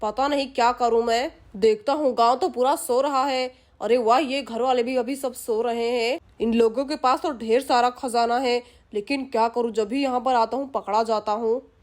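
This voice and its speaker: A woman's voice: on the high side, fairly even intonation, moderate pace, voice pushed down, natural voice. A woman voicing a greedy male village thief who mutters his plans to himself and gloats.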